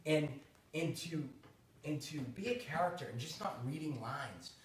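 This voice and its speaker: Animated bostonian guy, echoey room. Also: on the high side, normal speed, distant mic, a little hiss or hum. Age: 30s. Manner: animated, laughing, many restarts. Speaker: host. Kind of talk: casual chat.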